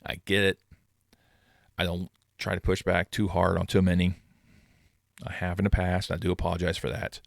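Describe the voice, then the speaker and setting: A middle-aged man hosting his own sports channel, rambling casually in a self-described monotone. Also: deep voice, moderate pace, vocal fry, long pauses, no echo, clean studio sound. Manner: rambling, self-deprecating, calls himself monotone. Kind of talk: casual commentary vlog.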